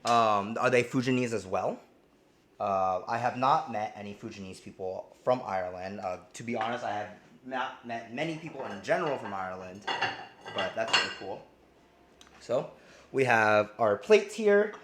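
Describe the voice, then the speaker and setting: Animated and fairly low-pitched, a man speaks at a moderate pace over a noisy background. He's from New Jersey and streams himself cooking live, rambling casually through the demo and chat with plenty of ums and restarts.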